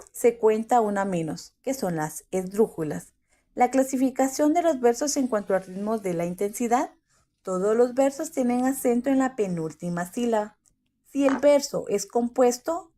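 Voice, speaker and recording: A woman presenting a read-aloud lesson summary on verse, reading definitions and lists in a steady way. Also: a little high. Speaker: student presenter.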